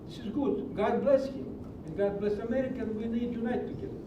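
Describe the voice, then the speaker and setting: A middle-aged Greek man speaks fast with fairly even intonation, making an impassioned, preachy public comment in broken English at a county meeting. He is recorded from far off in a large meeting hall, with echo and a low rumble.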